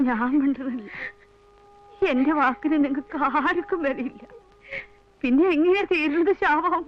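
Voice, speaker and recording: A woman's voice: high voice, moderate pace, natural voice. An actress playing a bitter older woman of the household who speaks in a reproachful, aggrieved way, in a 1980s film drama. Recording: dull lo-fi film soundtrack.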